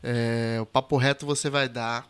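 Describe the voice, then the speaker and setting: A man's voice: mid-range voice, little pitch movement, normal speed, clean tone. A man, co-hosting a podcast with short, laid-back remarks. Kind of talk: casual podcast chat.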